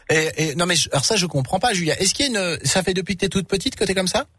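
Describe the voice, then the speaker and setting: A young man hosts late-night call-in radio and teases his callers in a quick, bouncy voice that swings up and down a lot. the studio mic sounds close and dry, and his voice has a husky edge. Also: sits high, animated, sharp tone, no echo. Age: young adult. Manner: teasing, jokey, talks over callers. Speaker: radio host. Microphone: studio microphone.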